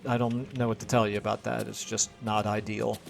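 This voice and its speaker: A man chatting casually while playing a video game with a friend, in a calm, measured way, heard over an online voice call whose audio keeps breaking up and cutting out. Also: fairly low pitch, vocal fry, soft background music. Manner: calm and measured, talks through tactics. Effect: choppy voice chat audio, breaking up and cutting out. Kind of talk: casual gameplay chat.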